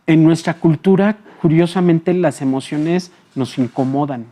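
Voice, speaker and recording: A man, a psychologist guest explaining things calmly in an interview, often pausing on fillers and checking in with short tag questions. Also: on the high side. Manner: frequent filler hesitations.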